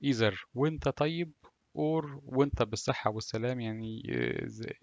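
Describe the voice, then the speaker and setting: A male language teacher with an Egyptian Arabic accent explains phrases deliberately, word by word. His voice sits at an average male pitch. The recording is dry and somewhat muffled. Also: gravelly, darkish tone, dry recording. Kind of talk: language lesson, slow explanation with repeated phrases.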